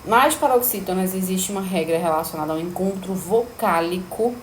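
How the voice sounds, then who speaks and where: A woman's voice: lowish voice, moderate pace, a little hiss or hum. Woman teaching grammar in an echoey room. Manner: explanatory, checks in with listeners often. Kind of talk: grammar lesson. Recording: echoey room, faint ambience.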